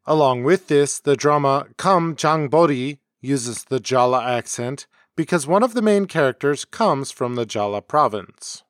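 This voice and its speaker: A man hosting a homemade podcast, reading a scripted lesson in a measured, explanatory way. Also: medium pitch, no room sound, studio quality. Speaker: podcast host. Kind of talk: scripted educational narration. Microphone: close home mic.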